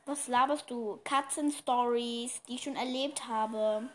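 A female voice, on the high side with fairly even intonation and a slightly slow pace, belongs to a girl of about ten or eleven. She hosts a casual kids' podcast with her younger sister, sounding chatty and a bit bossy.

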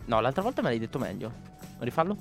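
A man hosting a casual student radio show, teasing his co-hosts in quick banter. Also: mid-range voice, big pitch swings, gravelly, soft background music. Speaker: radio host. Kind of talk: casual joking radio chat.

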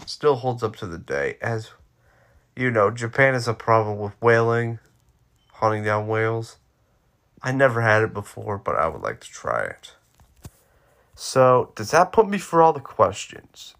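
A young man in his twenties talks through his own podcast alone, drifting from one offhand joke to the next. His voice has a gravelly, fried edge. His pitch rises and falls a lot as he rambles. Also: big pitch swings, unhurried, a bit bright. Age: 20s. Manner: rambling, offhand, jokey asides. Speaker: podcast host. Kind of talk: solo podcast monologue.

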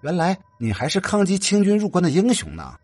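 A man voicing an excitable young woman who talks in an eager, gushing way. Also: high voice, fairly quick, no room sound, voice pushed up, exaggerated voice.

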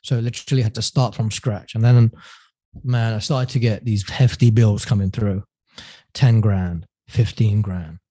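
A man's voice: lowish voice, fairly even intonation, unhurried, mellow, no echo, studio quality. A man telling his story as a podcast guest, rambling and acting out past phone calls. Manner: rambling, many fillers and restarts, acts out phone calls. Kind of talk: casual storytelling interview.

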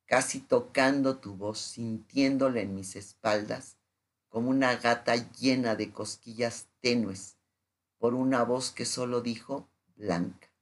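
A man giving a measured, intimate reading of sensual literary prose. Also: mid-range voice, steady tone.

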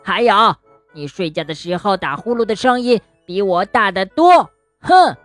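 A woman's voice: mid-range voice, expressive, normal speed, a bit bright, no room sound, soft background music, lightly acted. A woman voicing a cross, tearful young male animal in a children's bedtime story, sulky and whiny. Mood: indignant. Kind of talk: storybook voice acting.

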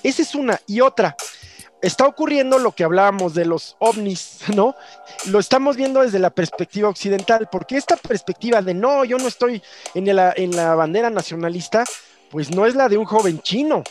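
Host guy, high voice, thinks out loud, faint music under. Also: lively intonation. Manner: measured, thoughtful, many "sí, sí". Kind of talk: reflective discussion.

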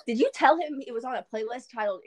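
A woman's voice: fairly high pitch, quick pace, a crowd in the background. A young woman in casual chat among friends, reacting expressively. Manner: reactive, expressive, laughs often.

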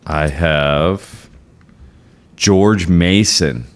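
Male betting-show panelist, low voice, frat-bro delivery: slangy, repetitive hype, loose and casual. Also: very slow. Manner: frat-bro banter, slangy and profane, repeating hype phrases.

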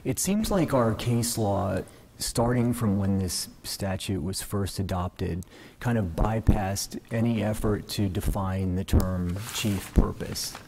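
Low, mellow-voiced male judge, questioning. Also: takes it slowly, vocal fry, slight background noise. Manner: conversational, thinking aloud, hedged phrasing. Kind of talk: probing questions from the bench.

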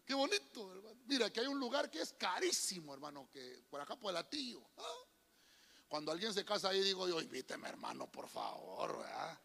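A man's voice: high voice, very animated, a little fast, bright, forceful tone. A man preaching a sermon, calling out to the congregation and often calling them brother. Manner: calls out to congregation, repeats "hermano". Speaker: pastor. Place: church hall. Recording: long hall reverb.

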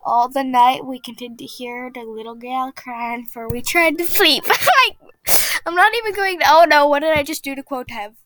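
A high, bright-voiced woman hosts a casual podcast and reads a spooky story aloud. She is chatty and excitable and keeps breaking into giggles. Her voice sounds dry and close. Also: normal speed, no room sound. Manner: giggly, often breaks into laughter. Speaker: podcast host.

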